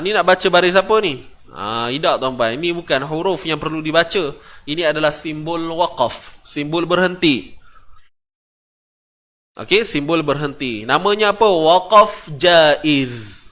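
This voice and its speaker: A man with a Malaysian Malay accent leads a tajwid lesson, his voice sitting a little high for a man. He drills single syllables over and over, chants the verses slowly, and checks understanding with short questions. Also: fairly bright tone. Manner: patient, repeats syllables, asks the class questions. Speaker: Quran recitation teacher.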